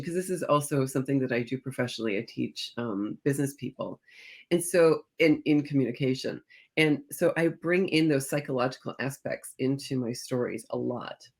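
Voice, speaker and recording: A middle-aged woman, a historical fiction author appearing as an interview guest, tells stories conversationally and acts out bits of reported dialogue. She has a bass voice.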